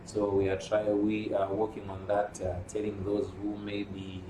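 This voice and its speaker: A man from Malawi, a union secretary general, explaining things carefully in an interview, with frequent pauses. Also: fairly low pitch, completely flat delivery. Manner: measured, explanatory, with hesitations. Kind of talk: interview answers. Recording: roomy, distant mic with noise.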